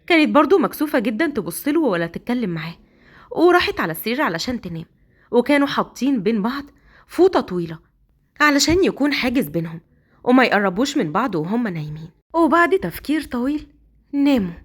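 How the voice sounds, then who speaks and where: A woman with an Egyptian accent narrating a romantic story in a quick, lively storytelling manner. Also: fairly high pitch. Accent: Egyptian Arabic.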